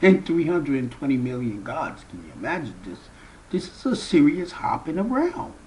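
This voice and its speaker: A man's voice: big pitch swings, a little hiss or hum, low-quality recording. A man who founded a spiritual movement gives a spiritual address to his viewers, preaching with strong emphasis. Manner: slow, emphatic preaching with big swings in pitch and loudness.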